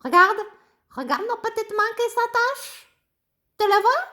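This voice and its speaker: A woman voicing an eager, curious little female mouse puppet in a children's lesson, with bouncy, excited questions. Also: extremely high pitch, unhurried, full character voice. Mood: chirpy.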